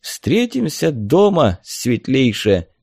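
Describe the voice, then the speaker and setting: A man's voice: mid-range voice, wildly swooping pitch, slow pace, gravelly, a little mellow, breathy edge, no echo, studio quality, full character voice. Man doing a courteous old merchant.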